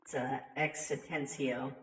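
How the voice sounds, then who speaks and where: A woman's voice: very deep voice, level tone, measured pace. A woman giving casual, rambling, chatty commentary as a game streamer, with some hesitation. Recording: roomy echo, distant from mic.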